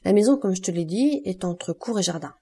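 A woman voicing a smug, sly young man in an audiobook, confiding and boastful as he talks. The voice is dark and husky with a gravelly edge. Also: fairly low pitch, expressive, a little fast. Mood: calm.

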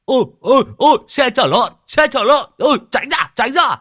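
A man voicing a panicky old man in an audio story, shrieking in a high voice. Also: expressive, moderate pace, fairly bright tone, no echo, clean studio sound, heavily acted. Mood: panicked.

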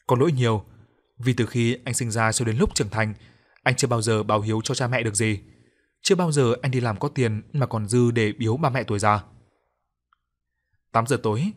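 A man reading a ghost story aloud in steady, measured scripted narration. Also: mid-range voice.

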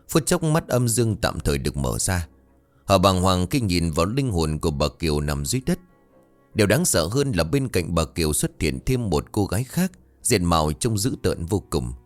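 A man reading a ghost story aloud in a dramatic, expressive way. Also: low voice. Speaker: narrator.

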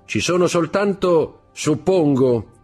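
A man reading aloud voices a calm, wry male gendarme who answers in slow, dry replies. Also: fairly high pitch, breathy edge, soft background music, pitched above the performer's own voice, full character voice.

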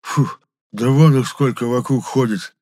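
A whiny spirit trapped in a decaying dead body moans and grumbles in a voice pitched well up, as a man puts him on. His complaints can flare into roaring, and it plays out as an audiobook reading. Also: normal speed, darkish tone, close to an everyday voice. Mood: moaning. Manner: whiny, moaning, bursts into roaring. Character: grumbling male spirit stuck in a rotting corpse.

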